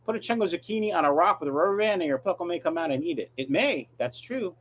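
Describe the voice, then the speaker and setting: Guy doing a casual livestream q&a, kinda high voice, really up and down, blunt and offhand. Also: animated, fast talker, a little hiss or hum. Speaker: livestream host, aquarium fish breeder. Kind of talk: casual livestream chat, reading and answering viewer questions.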